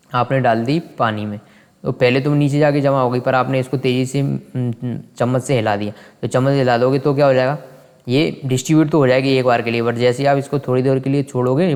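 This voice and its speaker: A male science teacher takes students through a lesson in a mid-pitched voice. He keeps asking quick questions and answering them himself, and he often fixes a word halfway through a sentence. His voice rings with a long reverb. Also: darkish tone.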